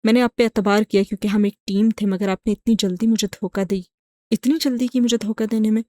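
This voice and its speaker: A woman's voice: medium pitch, fairly even intonation, natural voice. A woman reading the lines of a betrayed young man who accuses his wife bitterly. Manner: accusing, wounded, sharp questions.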